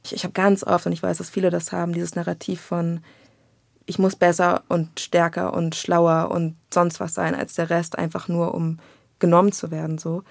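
A woman's voice: fairly low pitch, normal speed, creaky, dry recording, studio quality. A young woman from Berlin with a Berlin German accent, talking candidly and reflectively as an interview guest. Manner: candid, reflective, slangy, quotes others in lively voices. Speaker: children's book and screenwriter, interview guest. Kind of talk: casual conversational interview.

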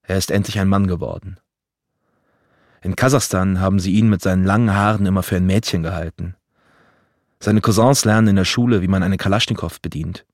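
A man doing a gruff, cynical old grandfather. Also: deep voice, steady tone, fairly quick, dry recording, clean studio sound, natural voice. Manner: grumbling, blunt, cynical. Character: gruff hardened old grandfather, army veteran.

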